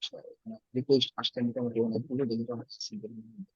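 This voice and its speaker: A man's voice: mid-range voice, flat delivery, rapid-fire, husky, dry recording, dull audio. A man teaching Arabic in an online class, explaining patiently with everyday examples. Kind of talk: online class over a group call.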